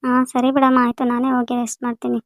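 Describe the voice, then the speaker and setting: A married daughter home on a visit , played by a woman, talks politely at a very fast clip. Her voice sits fairly high and stays even, recorded dry and close. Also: no echo, lightly acted. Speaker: daughter in a family skit. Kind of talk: amateur village family skit.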